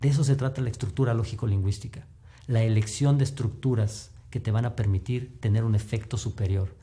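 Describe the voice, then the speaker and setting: A man giving a recorded lecture on communication, explaining patiently and shifting his pitch up and down to demonstrate. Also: steady tone, brisk, mellow. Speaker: communication instructor.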